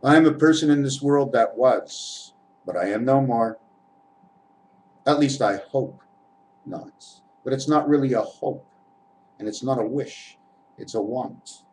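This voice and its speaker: In an on-camera spiritual monologue from home, a vlogger rambles, weaving wordplay from letters and numbers and calling his viewers friends. His medium-pitched, darkish voice moves unhurriedly with frequent pauses. The audio is poor, with slight background noise.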